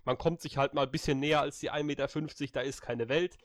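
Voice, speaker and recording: A man voicing a male cashier who talks in a calm, firm, soothing way. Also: medium pitch, quick pace, dry recording, close to an everyday voice.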